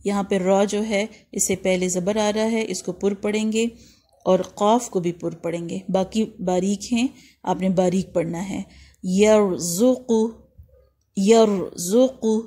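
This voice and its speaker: A woman teacher speaks slowly and deliberately, stretching out practice syllables. Her voice is mellow and warm, with a middle pitch. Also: fairly even intonation. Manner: slow and deliberate, drawing out sounds for practice. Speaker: Quran recitation teacher. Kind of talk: step-by-step pronunciation lesson.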